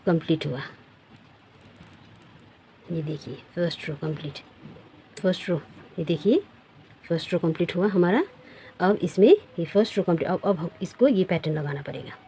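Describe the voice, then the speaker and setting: A woman's voice: fairly low pitch, lively intonation, normal speed, long pauses, warm tone, breathy edge. A woman teaching a knitting pattern step by step, counting stitches aloud and repeating herself as she shows each row. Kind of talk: step-by-step craft tutorial.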